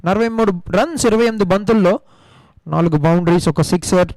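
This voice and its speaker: High-pitched Indian man, excited cricket commentary. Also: fast talker, no room sound. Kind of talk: live cricket commentary mixing Telugu and English.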